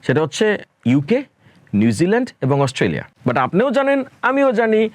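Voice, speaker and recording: A man's voice: high voice, huge pitch swings, moderate pace, no room sound. A man from Bangladesh answering interview questions as a spoken English educator, talking emphatically and dropping English phrases into his speech.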